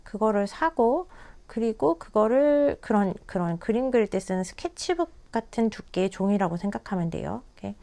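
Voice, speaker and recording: A Korean-native woman teaching English reading, reading a storybook aloud slowly and carefully, then explaining it patiently. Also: medium pitch, big pitch swings, warm tone.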